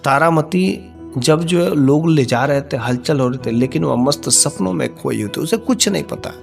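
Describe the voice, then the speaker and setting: A man's voice: a little high, normal speed, vocal fry, soft background music. A man narrating a folk tale in a repetitive, homespun storytelling manner.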